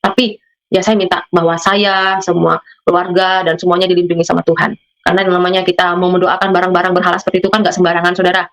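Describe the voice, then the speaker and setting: Very fast-talking woman from Madura. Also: fairly low pitch, level tone, a bit bright. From Madura, Indonesia. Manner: storytelling, often addresses listeners directly; acts out the voices of the people in her story. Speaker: testimony guest. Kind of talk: spoken religious testimony.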